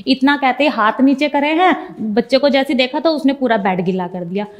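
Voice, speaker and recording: A woman's voice: sits high, moderate pace. A young woman giving an earnest personal testimony, retelling scenes as quoted dialogue.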